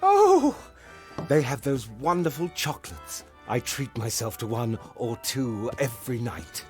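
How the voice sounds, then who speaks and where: A sulky male troll from a game, always grumbling and whining. His pitch swoops all over the place. Faint music sits underneath. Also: very animated, unhurried, a little mellow. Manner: whiny, huffy complaining. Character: grumpy, lazy male troll coworker.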